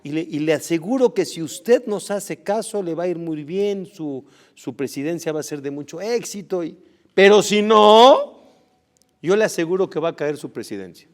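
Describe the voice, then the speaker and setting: Animated storytelling rabbi, fairly high voice. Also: male voice, brisk, few pauses. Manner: animated storyteller, acts out quoted dialogue with rising voice. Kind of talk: sermon with storytelling.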